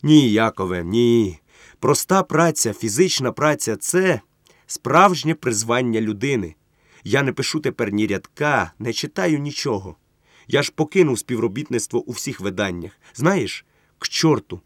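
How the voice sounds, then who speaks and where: A man reading an audiobook, voicing an exuberant tipsy friend who is effusive, coaxing and given to loud calling out. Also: medium pitch, lively intonation, moderate pace, no room sound, studio quality, lightly acted. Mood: earnest. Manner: gushing, coaxing, calls out loudly. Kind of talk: audiobook character voice.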